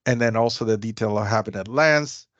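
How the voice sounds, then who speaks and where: A man's voice: lowish voice, brisk, fairly bright tone, no echo. A man co-hosts a casual video chat. He rambles eagerly and often restarts his sentences. The sound is muffled and dry. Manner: enthusiastic, rambling, frequent restarts. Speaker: co-host, comics sales.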